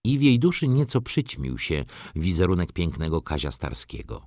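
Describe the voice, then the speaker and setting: Deep expressive male narrator. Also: moderate pace, no room sound, studio quality. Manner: expressive, theatrical. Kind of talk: audiobook reading of classic prose.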